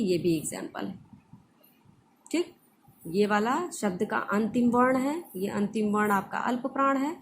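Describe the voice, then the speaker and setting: A woman's voice: mid-range voice, a little hiss or hum. Patient woman teaching grammar. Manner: explains patiently, repeats terms, checks with short questions. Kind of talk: classroom lesson.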